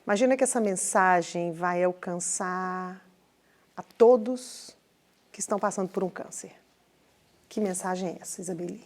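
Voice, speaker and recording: A woman's voice: fairly low pitch, normal speed. A woman from Brazil hosting an interview show, speaking directly to her viewers and putting questions to her guests. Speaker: podcast host, interviewer. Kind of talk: interview host.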